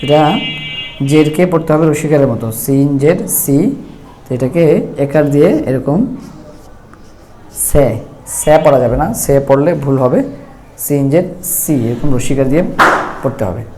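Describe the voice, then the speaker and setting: A man teaching Quran reading with a Bangladeshi Bengali accent, spelling out Arabic letters one by one in a slow, patient, repetitive way. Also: medium pitch, fairly even intonation, dark tone, a little hiss or hum. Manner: patient, spells letters slowly and repeats them. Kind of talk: slow step-by-step recitation lesson.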